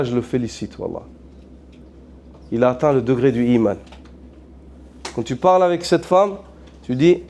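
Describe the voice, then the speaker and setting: A male imam delivers a sermon in a mellow, warm voice. He preaches earnestly, slipping in Arabic phrases and asking his listeners one rhetorical question after another. His pitch sits at a middle level for a man.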